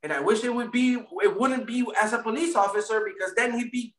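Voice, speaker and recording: Speaking fairly quickly in a high, bright voice, this guest, a First Amendment auditor born in Puerto Rico and raised in Florida, rambles through a casual interview, often repeating himself and starting sentences over. The mic is distant, and the room echoes heavily.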